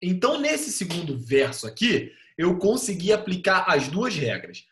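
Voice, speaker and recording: A man's voice: sits high, wildly swooping pitch, moderate pace, fairly bright tone, a little hiss or hum. A young male teacher giving an online class over a computer mic, explaining step by step in a patient, casual way with easygoing slang.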